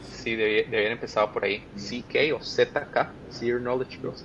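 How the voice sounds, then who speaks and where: A man's voice: steady tone, moderate pace, a bit bright. A man with a Costa Rican accent, a project manager being interviewed, who explains ideas step by step with plain examples. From Costa Rica. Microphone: video call. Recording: muffled call audio with faint rumble.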